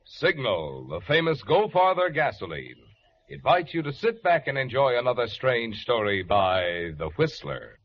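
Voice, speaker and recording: A man's voice: medium pitch, sing-song, measured pace. A man introducing a 1940s radio program as announcer, in a grand, theatrical style. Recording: muffled, hissy 1940s radio.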